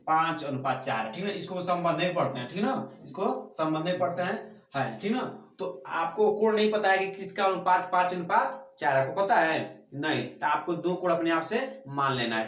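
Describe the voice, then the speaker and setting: Male math teacher, a fairly high voice, in an echoey classroom. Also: a bit bright, recorded from a distance. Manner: checks in with students after every step. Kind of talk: classroom lesson.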